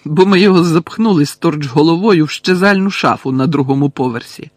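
Man voicing a teenage prankster boy, higher and louder, teasing, unflappable. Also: fairly quick, dry recording, studio quality, lightly acted.

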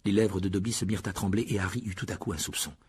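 A man narrating an audiobook with steady storytelling. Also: low-pitched, racing, slightly rough.

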